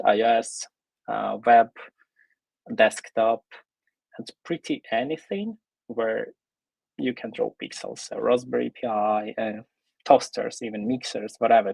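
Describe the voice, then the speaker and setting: Gravelly man giving a tech talk. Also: mid-range voice, no echo, rough recording. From Ukraine. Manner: casual, pausing often with fillers. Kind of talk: online tech presentation.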